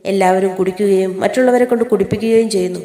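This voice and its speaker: Woman reading a play script out loud, steady and measured, warm voice, echoey room. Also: mid-range voice. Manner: even, measured reading of stage directions. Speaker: reader.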